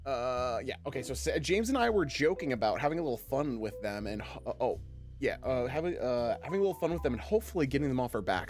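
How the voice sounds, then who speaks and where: A young man streaming, reading stories and chatting casually, swearing and using lots of fillers. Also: mid-range voice.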